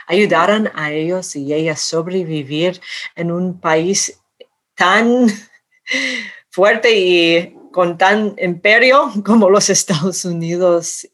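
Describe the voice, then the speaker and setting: Woman speaking Spanish with an American accent. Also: low-pitched. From North America. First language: English. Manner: halting, searching for words. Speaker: interview guest, church activist. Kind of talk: reflective interview answers.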